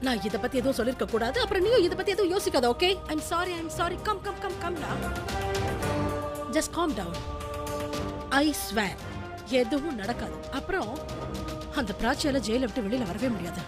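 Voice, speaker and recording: A woman's voice: sits high, animated, moderate pace, long pauses. An actress dubbing a scheming woman who soothes a girl with false sweetness. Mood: sly. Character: scheming woman feigning kindness. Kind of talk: dubbed television serial acting. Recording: music score under dialogue.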